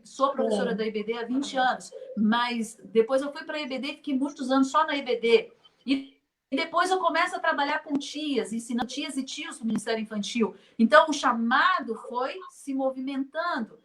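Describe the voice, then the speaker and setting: In a high voice at normal speed, a middle-aged Brazilian children's ministry teacher delivers an online conference talk full of lively stories, frequent laughs, and acted-out lines of dialogue. A little hiss or hum sits under the recording.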